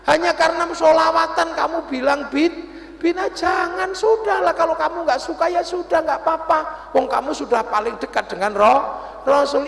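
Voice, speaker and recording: A man preaches an animated storytelling sermon. His voice is very high with a gravelly texture. It echoes through a large hall with a long reverb.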